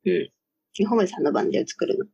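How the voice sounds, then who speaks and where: A woman in relaxed casual chat with a friend, trying out odd sounds and laughing along. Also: fairly quick. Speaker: co-host. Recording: dull lo-fi recording.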